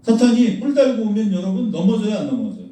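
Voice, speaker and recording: Here a pastor's dark, high voice swings widely in pitch as he talks fast through a sermon. Bluntly scolding, he hurls rhetorical questions at his congregation. It's captured from a distance in an echoey church sanctuary.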